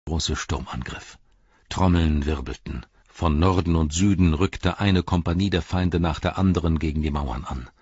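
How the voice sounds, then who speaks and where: A man reading a story aloud in a measured, grave way. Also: very deep voice, a little mellow, slightly rough, no echo. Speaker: audiobook narrator. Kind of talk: scripted narration. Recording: dull, dry recording.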